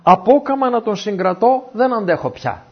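Telling a Bible story, a high-pitched preacher keeps quizzing his audience as he goes, his husky, somewhat raised voice rising and falling dramatically. It's an animated teaching talk on a muffled, dull recording.

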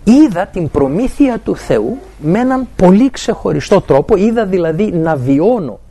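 A middle-aged man giving a personal faith testimony, telling his story with animated storytelling. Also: high-pitched. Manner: animated storytelling, acting out dialogue.

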